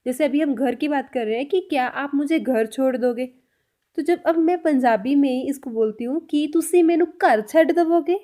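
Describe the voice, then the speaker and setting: A woman teaching a spoken language lesson, saying each example sentence slowly and repeating it. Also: high-pitched, mellow.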